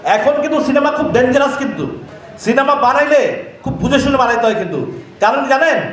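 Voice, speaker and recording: A man with a Bangladeshi Bengali accent addresses a press crowd in a heated, scornful speech. His voice sits very high and he hammers his points with repeated rhetorical questions. The hall around him rings with heavy echo. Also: animated, a little fast. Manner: combative, jeering, repetitive rhetorical questions. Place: event hall with crowd and reporters. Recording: very echoey hall.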